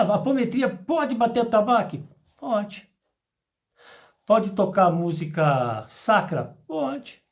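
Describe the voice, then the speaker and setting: High-voiced man teaching a spiritual lesson. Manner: animated, acts out dialogues in asides.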